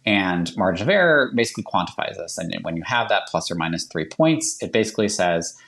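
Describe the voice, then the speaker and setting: A man with a Boston accent, a guest explaining polling on a podcast in a quick, chatty way full of fillers and self-corrections. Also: low-pitched, lively intonation, a bit bright.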